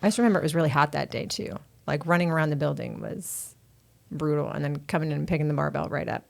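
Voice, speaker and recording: Lady with a lowish voice chatting about a hot day workout, laughs a lot. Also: fast talker, creaky. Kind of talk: casual podcast chat.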